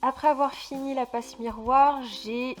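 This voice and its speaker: A woman's voice: high-pitched, fairly even intonation, a little slow, soft background music. A woman from France chatting casually about books in a vlog, stumbling and restarting often with lots of fillers, and speaking emphatically about her feelings. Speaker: book vlogger. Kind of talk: casual book review chat.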